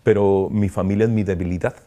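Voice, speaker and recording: A man, a priest giving an emotional interview, speaking earnestly and haltingly, often pausing to reflect. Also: sits low, steady tone, mellow. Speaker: priest, kidnapping survivor interviewee.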